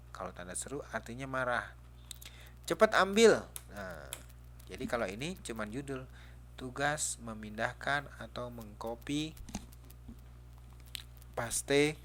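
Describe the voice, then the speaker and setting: Male computer teacher, patient and questioning, slow delivery. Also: medium pitch, a bit bright, slight background noise. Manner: patient, coaxing, asks the class questions. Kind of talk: classroom lesson. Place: classroom.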